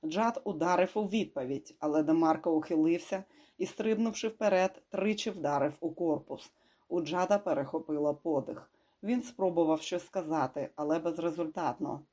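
An audiobook narrator reading a thriller in a steady, measured way. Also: medium pitch.

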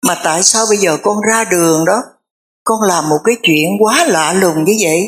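A woman's voice: fairly low pitch, moderate pace, lightly acted. A woman voicing a grieving wealthy father who pleads with his son. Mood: pleading. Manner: pleading, repeating words.

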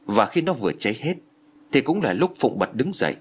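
A man's voice: mid-range voice, sing-song, brisk, slightly rough. A man narrating an audio novel in a dramatic storytelling manner.

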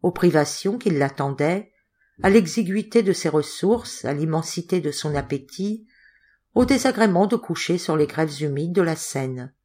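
A woman narrating a storybook aloud. Her voice sits fairly low and her reading is measured and expressive. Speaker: audiobook reader.

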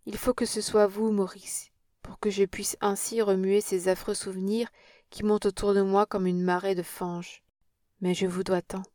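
Woman narrator voicing a wronged young Parisian woman, impassioned, earnest, mellow tone. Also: medium pitch, fairly even intonation, moderate pace, dry recording, clean studio sound, lightly acted. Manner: earnest, dramatic. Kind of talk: audiobook reading.

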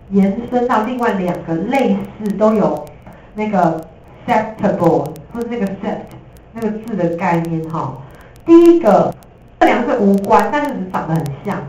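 A woman teacher with a Taiwanese Mandarin accent gives a lively, jokey classroom lecture, slipping in English terms. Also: mid-range voice. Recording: echoey room from a distance.

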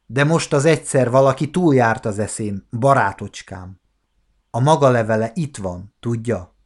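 A man's voice: medium pitch, natural voice. A man lightly voicing a mocking young wife. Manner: teasing, scornful.

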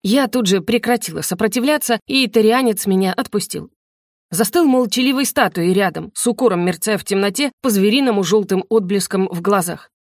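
A woman narrating a first-person fantasy audiobook in a lively, wry manner. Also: medium pitch, a little fast, no room sound, clean studio sound.

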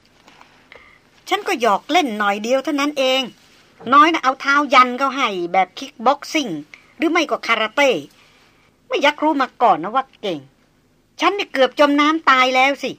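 A bubbly young foreign woman speaks in a shrill, high, laughing voice, put on by a woman reading the story aloud. Her tone is bright and sharp, playful and teasing. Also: expressive, normal speed, pauses often, no room sound.

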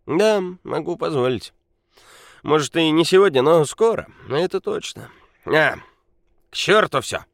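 A man voicing a drunk, boastful quarry owner who slurs and shouts. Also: mid-range voice, lively intonation, a little fast, no echo, studio quality, voice pushed up, close to an everyday voice. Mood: drunk, loud. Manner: slurring, shouting, swaggering.

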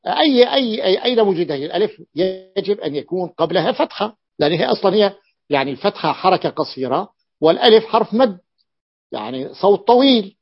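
A man teaching a lesson, patiently explaining a classical grammar text and repeating key points for his students. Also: high voice. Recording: dull lo-fi recording.

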